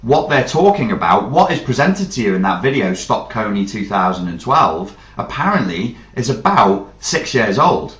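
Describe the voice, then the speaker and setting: A man ranting sarcastically and swearing, with clear exasperation. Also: fairly low pitch, big pitch swings, normal speed, hardly any pauses, a bit bright. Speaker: vlogger. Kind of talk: ranting commentary. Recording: roomy echo.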